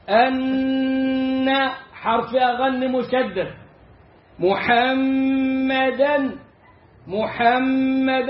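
A man with an Egyptian accent teaching recitation rules, slowly drawing out example words as he explains. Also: very high voice. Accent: Egyptian Arabic. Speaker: Islamic teacher. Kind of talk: lecture on Quran recitation rules. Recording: echoey, slightly dull room recording.

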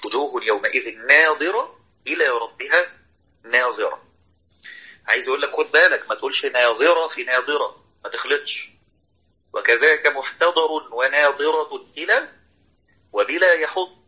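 Husky Egyptian man teaching recitation. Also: mid-range voice, moderate pace, pauses often, sharp tone, dull audio. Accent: Egyptian Arabic. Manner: explanatory, checks in with listeners often. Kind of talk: online class lecture.

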